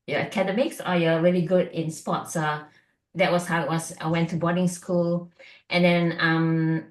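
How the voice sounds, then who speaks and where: A woman's voice: on the low side, roomy sound. A middle-aged woman from Malaysia, a doctor chatting casually as a guest, with many fillers. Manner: chatty, lots of fillers and likes. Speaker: functional medicine doctor, guest. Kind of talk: casual interview chat.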